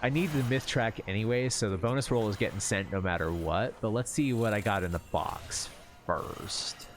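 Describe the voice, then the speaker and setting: A man's voice: fairly low pitch, normal speed. A man chatting casually on a live stream while playing, rambling with lots of "like" and the odd swear word. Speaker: streamer playing an online game. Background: game music.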